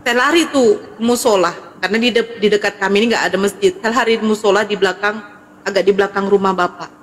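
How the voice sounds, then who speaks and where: A woman's voice: medium pitch, quick pace, in a large hall, a little hiss or hum. A woman giving a personal testimony, retelling events vividly and acting out her family's words. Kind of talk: emotional personal storytelling.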